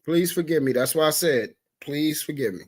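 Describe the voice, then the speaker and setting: A man's voice: fairly high pitch, lively intonation, normal speed, a little mellow. A man on a livestream talk show, ranting in a heated, profane way, stammering through restarts and breaking off to apologize again and again. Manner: stammering restarts when upset. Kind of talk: impassioned livestream commentary.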